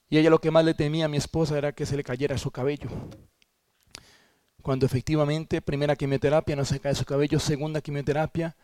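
Man, pastor, sermon testimony, earnest, halting restarts, slightly high voice, dry close sound. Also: darkish tone, dry recording.

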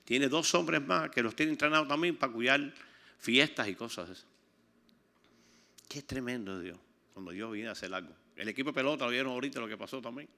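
Older man, Cuban accent, gravelly, bright forceful tone, lively sermon storytelling. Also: medium pitch, fairly quick. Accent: Cuban Spanish. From Cuba. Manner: animated storytelling, acts out quoted people. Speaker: preacher giving testimony. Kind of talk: sermon testimony.

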